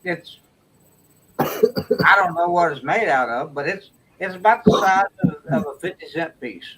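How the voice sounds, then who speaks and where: A man's voice: high voice, expressive, measured pace, a bit bright, rough recording. A man in a casual chat who talks hesitantly, full of restarts, and often agrees with a short yeah.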